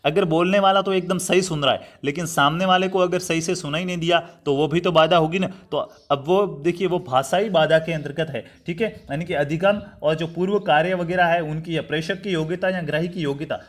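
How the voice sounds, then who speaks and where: A man's voice: a little high, fairly quick. A young man from Rajasthan teaching an online exam-prep lecture, explaining step by step and often checking in with his students. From Rajasthan, India. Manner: repetitive, explanatory, addresses students as friends.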